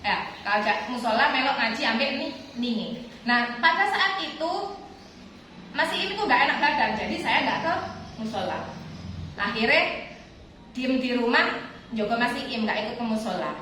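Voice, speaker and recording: Bright, high-voiced East Javanese woman teaching. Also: lively intonation, normal speed, long pauses, a little hiss or hum. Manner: chatty, asks rhetorical questions and answers them. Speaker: religious teacher addressing students. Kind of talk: informal religious lesson with a personal story. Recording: echoey room picked up from a distance.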